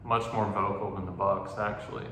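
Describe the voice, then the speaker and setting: A man's voice: on the low side, fairly even intonation, normal speed. A young man hosting a podcast, telling a hunting story in casual chat, rambling with many fillers. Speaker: podcast host. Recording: echoey room with long reverb, faint noise.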